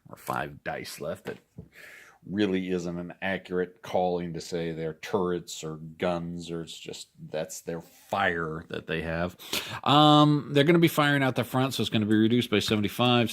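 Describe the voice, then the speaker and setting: A middle-aged board game video host from Denver talks casually through a tabletop wargame playthrough, thinking aloud in a relaxed, rambling manner. His voice is deep and his pace moderate.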